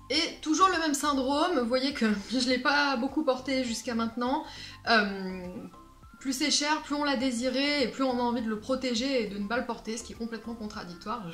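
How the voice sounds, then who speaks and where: A woman's voice: a little high, a bit bright. A woman chatting casually as a perfume vlogger, playful and self-mocking, with many fillers. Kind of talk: casual vlog chat. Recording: echoey room with faint music.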